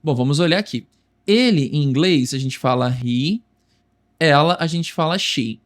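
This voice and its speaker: A young man with a Brazilian Portuguese accent teaching an English lesson, slowly repeating words for the viewer. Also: fairly high pitch.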